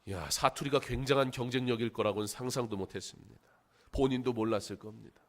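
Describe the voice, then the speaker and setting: A middle-aged man preaches a Sunday sermon from a church pulpit, his voice sitting at an ordinary middle pitch. He drops to quiet, low asides, then climbs into loud, emphatic lines. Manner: swings between soft asides and rising emphatic preaching. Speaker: pastor. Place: church sanctuary.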